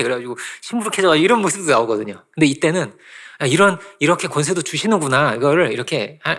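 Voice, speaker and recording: Fast-talking gravelly male pastor. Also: fairly high pitch. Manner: animated storytelling with laughs and acted-out quotes. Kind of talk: sermon. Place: church sanctuary.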